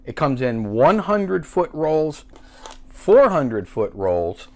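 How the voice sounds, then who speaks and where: A man's voice: fairly high pitch, very animated, takes it slowly, darkish tone. A man hosting a casual filmmaking tutorial, chatty and self-correcting as he demonstrates a camera. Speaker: filmmaking channel host.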